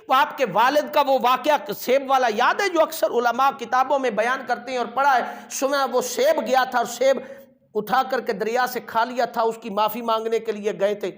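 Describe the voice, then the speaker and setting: A man's voice: very high-pitched, a bit bright. A man preaching a Friday sermon in an emphatic, rhetorical way, repeating his key phrases and asking the listeners questions.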